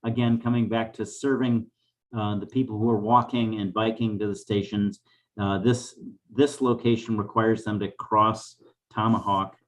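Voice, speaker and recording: Male project presenter with a fairly low voice, explanatory and a bit halting, informal meeting delivery. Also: flat delivery.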